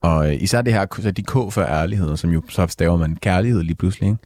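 A man's voice: sits low, darkish tone, no room sound, clean studio sound. A man hosting a casual podcast chat about an album, thinking aloud with frequent hesitations and fillers. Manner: thoughtful, hesitant, many fillers. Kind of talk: casual music review chat.

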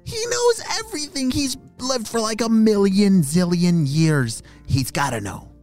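A man voicing an excitable young male spring peeper frog for a children's story, high and eager. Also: moderate pace, clear, resonant tone. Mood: excited. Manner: high and eager, wide-eyed. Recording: faint music behind.

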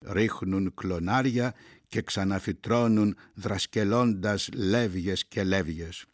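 Low-voiced man reading poetry gravely. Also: no room sound, clean studio sound. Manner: slow, grave, deliberate phrasing with long pauses. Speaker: poetry reader.

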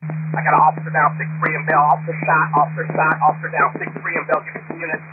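A police officer speaking over a police radio transmission, urgently repeating short call-outs. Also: male voice, a little high, monotone, quick pace, loud music behind the voice. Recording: tinny, noisy police radio.

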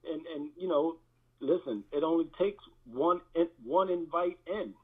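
Heard over narrow, phone-quality audio, a male guest pastor gives an open account of his own experience. His voice is a little high, and he proceeds in a halting, thoughtful way, often repeating words.

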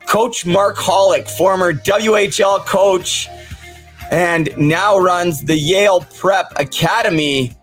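A man's voice: high-pitched, takes it slowly, fairly bright tone, faint music behind. A man with the toothless speech of someone missing his teeth, hosting a podcast and talking casually, earnestly and plainly to his viewers. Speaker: podcast host. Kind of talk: casual, sincere talk to viewers.

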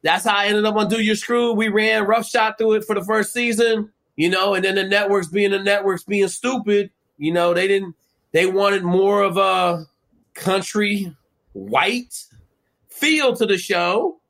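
A man who coaches football, telling stories as a guest in a profane, punchy, animated way. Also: sits high, a little slow. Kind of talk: casual storytelling.

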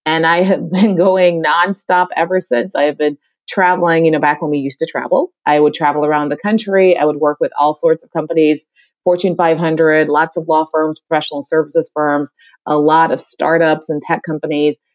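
Appearing as a podcast interview guest, a middle-aged diversity consultant from the Caribbean talks with energy, often repeating what she says. Her low voice has fairly even intonation and normal speed, captured in a dry recording.

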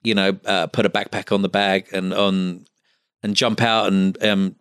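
A man's voice: low voice, little pitch movement, measured pace, a bit bright, smooth, dry recording, clean studio sound. A middle-aged man from Essex with an Essex accent, talking casually as an interview guest in a chatty, stop-start way. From Essex, England. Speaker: interview guest, medical finance business owner.

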